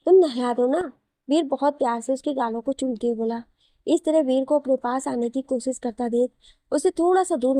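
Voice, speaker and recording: A woman reading a romantic audio story aloud in an even storytelling manner. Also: sits high, no echo, studio quality. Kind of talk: scripted narration of a romance story.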